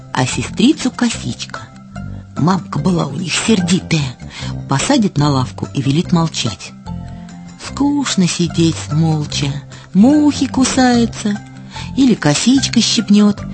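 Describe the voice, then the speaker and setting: A woman reading a children's fairy tale in a slow, expressive storytelling manner. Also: lowish voice, over music.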